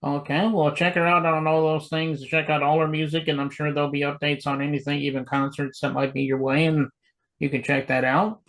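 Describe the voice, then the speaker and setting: A man's voice: fairly high pitch, level tone, brisk, a bit bright, low-quality recording. A man hosting an interview show in an easygoing way, with lots of fillers. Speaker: show host.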